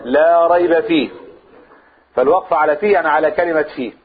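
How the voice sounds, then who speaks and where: Egyptian guy teaching quran commentary, kinda husky voice, sounds tinny like a phone line. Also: fairly high pitch, fast. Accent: Egyptian Arabic. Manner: explains by asking and answering his own questions. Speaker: religious teacher.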